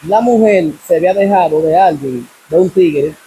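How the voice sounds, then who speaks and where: A man with a Dominican accent recounting his personal testimony as a guest, telling the story step by step and often pausing to ask what happens next. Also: high voice, dark tone, slight background noise. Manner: repetitive storyteller, keeps asking "what happens?".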